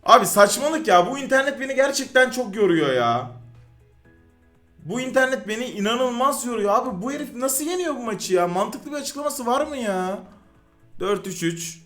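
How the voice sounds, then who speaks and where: A man giving live commentary over his own football video game match, excitable and quick to yell in frustration at the game. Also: extremely high pitch, faint music behind. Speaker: gaming YouTuber.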